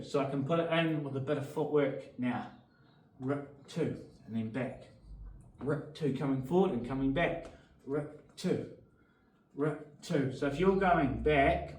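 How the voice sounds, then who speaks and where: A man's voice: on the high side, far from the mic. Male boxing instructor demonstrating combinations with short cues and punching breaths; roomy echo, faint noise. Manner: sharp breathy exhales while demonstrating punches. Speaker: boxing coach.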